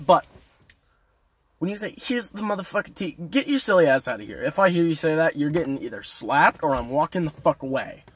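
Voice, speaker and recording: A young man ranting to camera in a casual, foul-mouthed vlog, loud and animated, veering between yelling and muttering, parked at a roadside turnout. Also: on the high side, fairly quick, slightly rough. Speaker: vlogger. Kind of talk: casual profane rant to camera.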